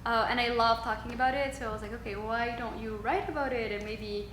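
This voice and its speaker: Speaking in a casual interview, this guest is a young yoga instructor from Switzerland, a native French speaker. Her fairly bright voice is pitched a little high and steady in tone yet brisk, with hesitation, lots of ums and frequent laughter, all ringing in a roomy echo against faint background noise.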